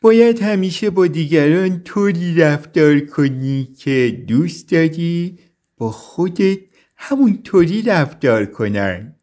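A woman's voice: expressive, dark tone. A woman voicing a kind, wise father bear in a children's storybook. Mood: gentle advice. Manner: deep slow put-on fatherly voice.

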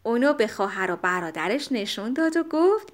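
A woman reads a children's tale aloud, animated and expressive. Her voice sits high and moves a lot. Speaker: storyteller. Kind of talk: children's story narration.

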